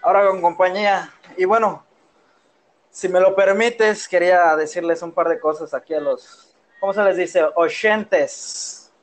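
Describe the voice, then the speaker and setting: Yucatecan guy, high voice, goofy and rambly, podcast chat over a phone. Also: steady tone, measured pace, faint music behind. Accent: Yucatecan Mexican. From Mexico, Yucatán. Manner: playful, rambling, drifts between accents. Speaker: podcast co-host. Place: his own room at home.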